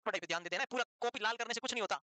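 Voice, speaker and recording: A woman's voice: on the high side, racing, bright, forceful tone, dry recording, low-quality recording. A woman teaching a classroom lecture for nursing exam prep. She quizzes students, answers her own questions and scolds them with teasing banter.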